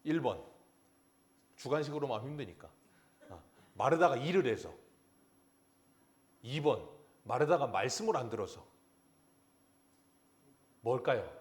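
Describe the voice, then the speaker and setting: A man preaching a sermon as pastor, asking the congregation questions and answering them himself. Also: a little high.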